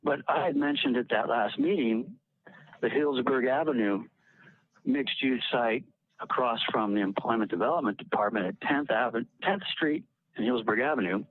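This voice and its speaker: A man's voice: mid-range voice, normal speed, breathy edge, no room sound. A man calling in on an old flip phone to make an earnest, urging public comment at a civic meeting. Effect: old flip phone call. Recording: tinny, dry flip phone line.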